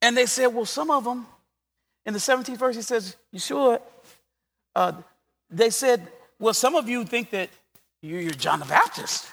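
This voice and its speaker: A middle-aged man preaching a sermon as pastor, swinging from quiet asides to shouted calls. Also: extremely high pitch, normal speed, creaky, pauses often, in a large hall.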